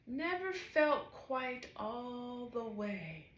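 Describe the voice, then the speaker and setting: A woman, a psychotherapist, performing a slow spoken-word monologue with soft, lilting exclamations. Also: a little high, sing-song, highs cut off. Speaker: psychotherapist and wellness coach. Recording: echoey room.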